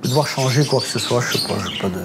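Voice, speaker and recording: A man's voice: mid-range voice, quick pace, background noise. A man, a shopkeeper answering street interview questions in a chatty way that thinks aloud. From Belgium. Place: outdoors on a street.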